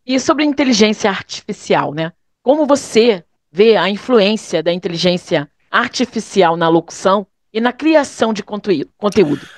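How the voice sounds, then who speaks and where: A woman's voice: mid-range voice, animated, normal speed, hardly any pauses, no echo. Brazilian woman hosting a chat. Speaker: host. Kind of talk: casual interview questions.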